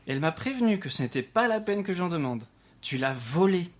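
A man's voice: high voice, sing-song, brisk, pitched above the performer's own voice. A man voicing a young boy who confronts his sister in a blunt, contemptuous way. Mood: accusing. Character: young boy, accusing, contemptuous older brother.

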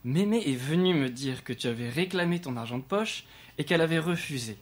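A young boy who accuses his sister with cold, blunt logic, as a man puts him on. His voice is raised well above a grown man's and carries a husky grain. He is contemptuous and relentless, a child in a storybook. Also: fairly high pitch, animated, fairly quick, pitched above the performer's own voice. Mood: accusing.

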